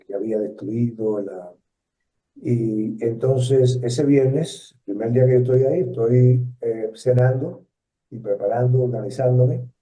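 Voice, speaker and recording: This interviewee is a retired Puerto Rican journalist in his seventies who speaks with a Puerto Rican Spanish accent, telling stories thoughtfully but haltingly, with many fillers and restarts. His mid-range voice is mellow, and the audio is distant, roomy, and dull lo-fi.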